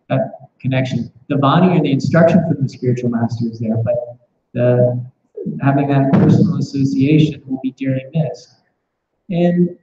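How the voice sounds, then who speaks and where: In a temple classroom, a man with a medium-pitched, dark-toned voice leads a scripture class, asking questions and speaking reflectively, often restarting with repeated words. The room recording is echoey and muffled, with slight background noise.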